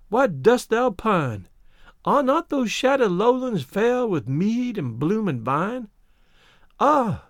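A male narrator voicing a genteel, dreamy elderly lady poetess who speaks slowly and lilts through her verse. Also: mid-range voice, no echo, studio quality, voice pushed up, exaggerated voice. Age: older. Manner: wistful, poetic, slow and lilting.

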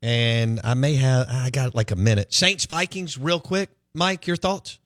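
A man hosting a sports radio show, bantering quickly in a casual, folksy way. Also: medium pitch, a bit bright, no echo, clean studio sound.

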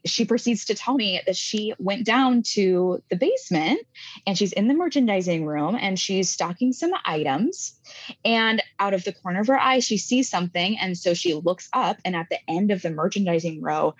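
A woman's voice: medium pitch, moderate pace, no room sound. A woman co-hosting a casual podcast, telling stories with lots of "like" and "you know". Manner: animated storytelling, says "like" often. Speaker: podcast co-host. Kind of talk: casual chat.

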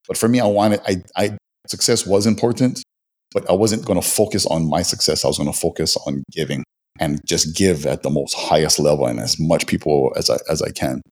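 A man's voice: very deep voice, fairly quick. A man being interviewed in casual talk, often restarting and repeating words as he goes. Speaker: podcast guest.

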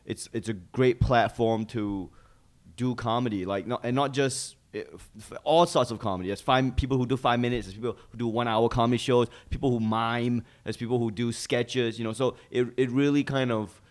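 A man's voice: mid-range voice, steady tone, normal speed. A man in his thirties from Malaysia, a guest comedian telling his life story in a casual podcast interview, rambling with many fillers and restarts.

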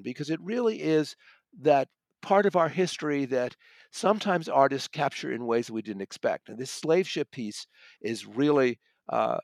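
Speaking as an audiobook reviewer and magazine contributor, a man with a creaky, medium-pitched voice talks in a thoughtful, emphatic, conversational way and often corrects himself. There is no room sound.

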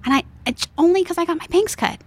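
A woman chatting casually as a guest, talking quickly and laughing easily. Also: extremely high pitch. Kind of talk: casual chat.

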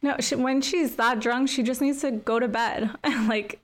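A young woman with a slightly raised pitch co-hosts a casual podcast. She talks loosely, laughs often and fills her sentences with "like". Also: steady tone, moderate pace. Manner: chatty, laughs often, lots of "like". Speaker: podcast co-host. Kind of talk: casual chat.

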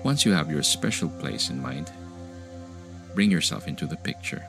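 Meditation guide, male: very low, gravelly voice, soothing sleep-story delivery, unhurried. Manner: unhurried, calming, gentle instruction. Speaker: meditation podcast host and guide. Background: music behind the voice.

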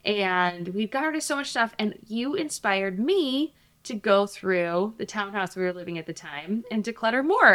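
A woman in her thirties hosting a podcast, talking in a chatty, upbeat way with direct appeals to listeners and a relaxed chat with her child. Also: medium pitch, no echo. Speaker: podcast host.

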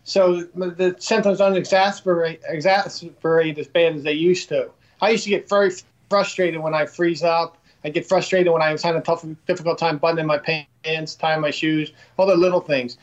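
A man guest talking casually in a halting, self-deprecating way, often repeating words. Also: fairly high pitch, fairly even intonation, dull audio. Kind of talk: casual interview talk.

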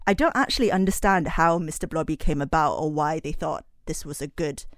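A woman guest on a podcast, chatting casually and telling a story with animated energy. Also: low voice, brisk, no room sound, studio quality. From grew up abroad, moved at sixteen. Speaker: guest, magazine editor.

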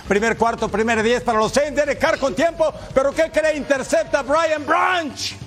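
A man presenting American football highlights with touchdown calls, playful and exclamatory, throwing in rhetorical questions. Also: fairly quick.

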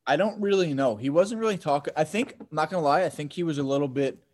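A young man, a pro baseball player, telling animated stories in casual podcast chat over a laptop video call. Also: fairly high pitch, quick pace. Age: young adult. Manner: animated storyteller.

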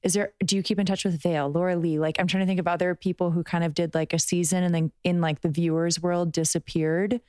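Low-voiced woman asking rambling questions. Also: little pitch movement, fast, hardly any pauses, dark tone, smooth, dry recording, clean studio sound. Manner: rambling questions, many fillers. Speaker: podcast co-host. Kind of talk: casual chat.

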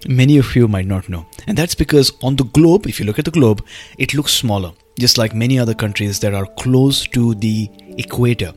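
A man's voice: mid-range voice, brisk. Male podcast host, earnest and direct to the listener, mid-range voice, music underneath. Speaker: podcast host and meditation guide. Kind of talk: podcast monologue. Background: background music.

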